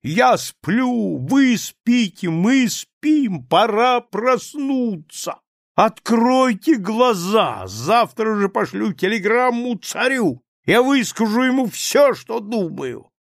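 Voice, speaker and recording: A man voicing a drunk, tearful older man who shouts and declaims in slow, drawn-out phrases. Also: high-pitched, very animated, gravelly, dry recording, clean studio sound, pitched above the performer's own voice, exaggerated voice. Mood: drunk ranting.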